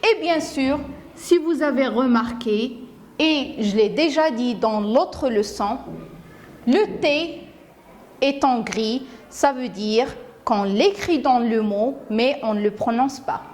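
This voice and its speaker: A primary school teacher from Morocco gives a phonics lesson to young children in a slightly high, somewhat mellow voice, taking her time. She pronounces each word carefully, repeats it, and splits it into syllables.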